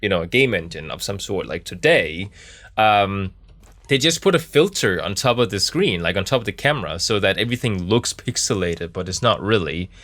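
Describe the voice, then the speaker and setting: A man's voice: low voice, animated, moderate pace, fairly bright tone, no room sound. A man giving casual, joking game commentary, thinking aloud in a laid-back, rambling way as he streams. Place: small office in a camper.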